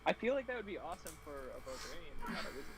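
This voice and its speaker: Tabletop player, man, slightly high voice, casual and hesitant, chatter behind him. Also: very animated, racing, poor audio.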